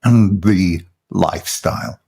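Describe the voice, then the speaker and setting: A man hosting a rock podcast, asking questions and reading the show links in a measured way. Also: deep voice, gravelly, warm tone, husky. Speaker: podcast host.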